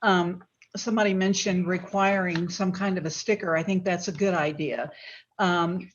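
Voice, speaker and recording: A woman's voice: fairly low pitch, fairly even intonation, moderate pace, noisy background. A woman, a local resident, giving a rambling public comment with many ums on a video call. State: talking while eating. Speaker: resident speaking at a town forum. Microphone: home computer mic on a video call. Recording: muffled lo-fi video call audio.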